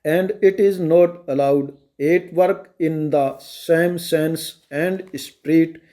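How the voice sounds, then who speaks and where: Indian accent guy reading dictation real slow, kinda high soft-edged mellow voice, pauses between phrases. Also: fairly even intonation. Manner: measured, halting phrase-by-phrase delivery. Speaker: stenography dictation reader. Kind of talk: slow read-aloud dictation for shorthand practice.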